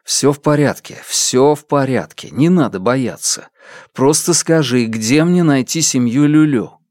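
A narrator doing a determined photographer. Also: male voice, mid-range voice, expressive, measured pace, a little mellow, dry recording, clean studio sound, voice pushed up, lightly acted. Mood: coaxing.

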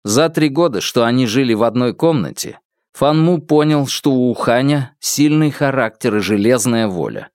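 In studio-quality audio with no room sound, a male narrator reads a scripted audiobook with expressive storytelling. His pitch is medium and his speed normal.

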